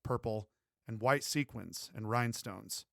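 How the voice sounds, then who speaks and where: A man narrating a romance audiobook in a steady, even storytelling way. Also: fairly low pitch, measured pace, vocal fry, dry recording, studio quality. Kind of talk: scripted narration.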